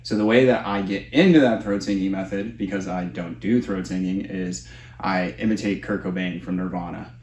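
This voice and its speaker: A man's voice: low voice, steady tone, normal speed, darkish tone, a little hiss or hum. A man giving a casual, explanatory tutorial as a vocal coach. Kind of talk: instructional tutorial with vocal demonstrations. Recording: roomy echo.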